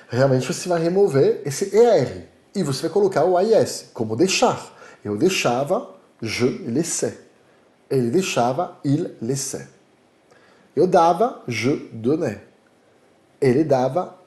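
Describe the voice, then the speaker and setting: A man's voice: medium pitch, reverberant. A man from Paris with a French accent, teaching a French lesson in Portuguese and often checking in with "tá?". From Paris, France. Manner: animated, repeats "tá?" to check understanding. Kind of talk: online language lesson.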